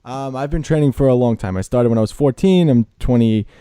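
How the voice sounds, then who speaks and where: A podcast host in his late twenties speaks in a relaxed, matter-of-fact way. His voice is deeply mellow and dark. The sound is dry with no room echo. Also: fairly quick, clear, resonant tone. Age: late 20s. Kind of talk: casual podcast interview.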